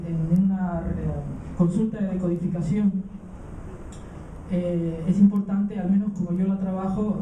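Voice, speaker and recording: A man's voice: sits high, mellow, slight background noise. A man raised in Venezuela giving a live conference talk, hesitant with many fillers and restarts. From Canary Islands, raised in Venezuela. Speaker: conference speaker. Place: conference hall. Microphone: handheld mic held away from the mouth. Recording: roomy hall, distant mic, dull sound.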